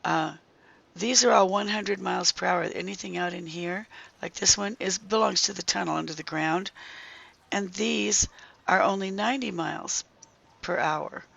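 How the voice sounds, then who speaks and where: Casual game commentator: hoarse, croaky, strained, crackling with fry, prone to whispery breaks, thinking aloud, slightly muffled mic. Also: medium pitch, fairly bright tone. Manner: halting, thinking aloud while working. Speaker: gaming video creator. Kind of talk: casual gameplay walkthrough commentary.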